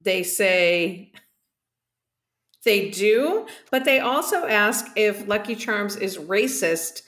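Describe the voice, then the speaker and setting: A woman co-hosting a podcast, joking with deadpan comic bits. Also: mid-range voice, slow pace. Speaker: podcast co-host. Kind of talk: casual group chat.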